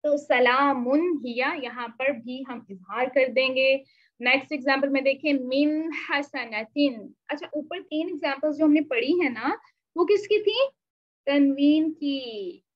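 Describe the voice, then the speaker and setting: Female recitation teacher, high-pitched, question-and-answer teaching style, dull low-fidelity recording. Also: moderate pace. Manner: asks the class questions and answers them herself; mixes in English words. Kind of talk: online tajweed lesson.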